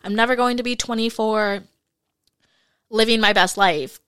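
A woman's voice: a little high, fairly even intonation, moderate pace, a bit bright, clean tone, no room sound. A woman in her mid-twenties hosting a casual solo podcast, talking frankly and chattily with lots of fillers. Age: 20s. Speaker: podcast host.

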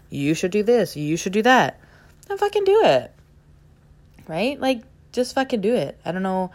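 A woman with a lowish voice talks straight to the listener in a casual motivational monologue. She is blunt and animated, swears freely and jumps into mocking impressions of others. The sound is close and dry. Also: no room sound.

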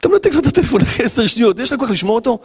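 High, lively rabbi teaching. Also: male voice, slightly rough, big-room sound. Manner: animated, acts out scenes, rhetorical questions. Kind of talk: Torah lesson.

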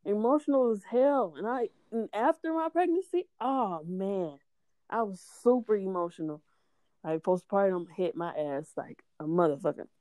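Her voice sits in the mid range and moves at normal speed, recorded without any room sound. She spins lively stories in a relaxed chat, full of cursing and laughs, voicing what others said along the way.

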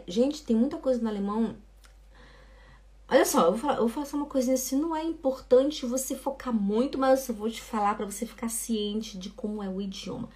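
Woman teaching German pronunciation, animated and repetitive. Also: on the high side. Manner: animated, repeats words slowly to demonstrate pronunciation. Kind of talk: live online language lesson.

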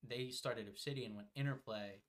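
A man's voice: medium pitch, normal speed. A young man co-hosting a podcast, chatting casually about a video game while playing, rambling with lots of fillers and swearing. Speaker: podcast co-host.

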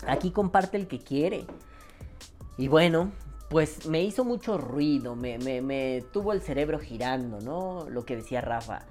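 Mexican woman vlogger, low and animated, salty casual rant. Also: measured pace, soft background music. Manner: animated, swears freely, acts out quoted voices. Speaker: vaping vlogger.

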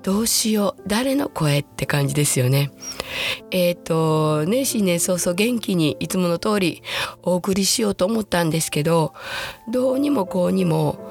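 A woman in her sixties with a Kansai accent hosts a casual podcast, her voice husky and hoarse from a throat cold. It sits low and gravelly, and she talks in a chatty, self-deprecating way. Faint music plays behind her. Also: lively intonation. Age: 60s. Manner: chatty, self-deprecating, slows to a soft hush at times. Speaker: podcast host. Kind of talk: casual solo podcast talk.

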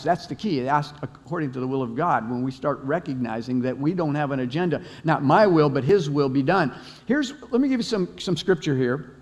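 Male pastor, casual sermon style with restarts and stories; slightly high voice, big echoing church hall. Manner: conversational, repeats words, storytelling. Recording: long hall reverb.

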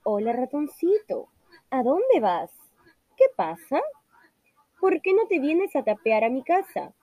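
Una mujer haciendo de serpiente glotona y zalamera. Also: female voice, sits high, very animated, slow pace, dark tone, no echo, exaggerated voice. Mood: coaxing. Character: hungry scheming snake.

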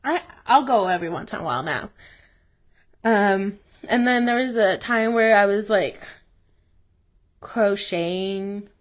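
A woman's voice: medium pitch, measured pace, long pauses. A young woman co-hosting a casual podcast chat, laughing often, swearing casually and trailing off with fillers. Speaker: podcast co-host.

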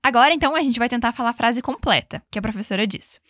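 Bright-voiced woman teaching English. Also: on the high side, animated, dry recording, studio quality. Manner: speaks English examples slowly and clearly. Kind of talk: language lesson with repetition drills.

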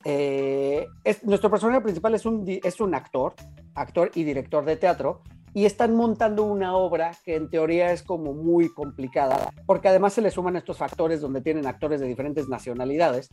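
A woman co-hosting a film chat, giving frank opinions in an expressive way. Her voice is lowish and mellow. Faint music plays underneath. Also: moderate pace. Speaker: film podcast co-host. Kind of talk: casual film review chat.

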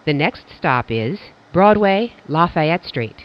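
A woman's voice: sits low, lively intonation, slow pace. A woman announcing stops in scripted train messages, with names and phrases pieced together from separate recordings. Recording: dull, band-limited recording.

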